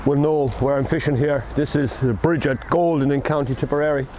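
Captured from a distance by a camera on the riverbank, with water flowing and wind blowing, an older Irish-accented man gives a relaxed, casual explanation of fly fishing full of ums and asides. His voice is on the high side and his pace brisk.

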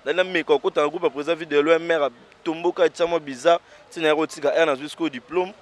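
Guy, comedian in an interview, telling stories all animated, voice a bit high, loud then quiet. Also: brisk. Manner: animated storytelling, swings between soft asides and loud bursts. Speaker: stage comedian and actor being interviewed. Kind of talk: casual interview chat.

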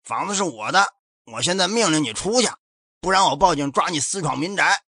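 A bullying thug leader speaks with sneering menace, as a male narrator puts him on. The voice sits a little high and dry. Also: lively intonation, brisk, sharp tone, slightly rough, no room sound, full character voice. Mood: menacing. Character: fat, arrogant thug leader, bullying man.

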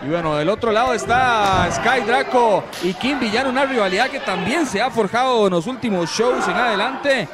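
A man giving excited, exclamatory play-by-play as a wrestling commentator. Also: very high voice, moderate pace. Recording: loud crowd behind. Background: cheering wrestling crowd in a hall.

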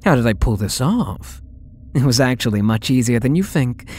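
A young adult man plays a possessive, sweetly menacing stalker in an ASMR roleplay audio drama. His medium-pitched voice is animated, a little mellow and slightly rough, and his slow, taunting, coaxing delivery comes across smug and confiding.

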